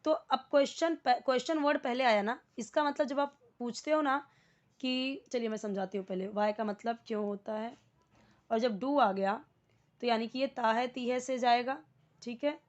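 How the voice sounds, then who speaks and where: A woman teaching English grammar with a fairly high voice, breaking sentences down word by word and repeating key terms. She often turns to the viewer with questions. The recording sounds dull and lo-fi. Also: moderate pace. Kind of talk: spoken English grammar lesson.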